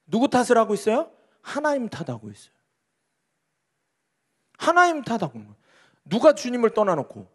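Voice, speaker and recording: Animated high-voiced male pastor preaching. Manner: emphatic, rhetorical questions, reads scripture dramatically. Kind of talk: sermon. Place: church sanctuary.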